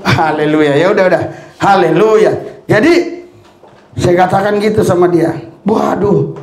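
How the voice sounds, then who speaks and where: High-voiced pastor preaching in an echoing hall. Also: male voice, moderate pace. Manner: animated, laughing, frequent hallelujahs. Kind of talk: sermon with personal stories. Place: church service with congregation.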